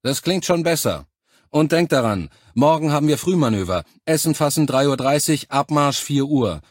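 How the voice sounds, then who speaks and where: A man voicing a gruff male drill instructor who gives curt, loud orders to recruits in an audiobook. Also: fairly high pitch, lively intonation, normal speed, no room sound, clean studio sound, pitched above the performer's own voice. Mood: barking orders.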